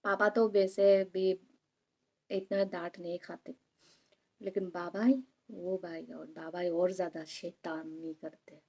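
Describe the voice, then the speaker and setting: A woman's voice: fairly low pitch, level tone, a little slow, a little mellow, breathy edge, lo-fi sound. Chatty young woman rambling about home. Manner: chatty, rambling, asks "है ना?" often. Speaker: vlogger. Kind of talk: casual home vlog chat.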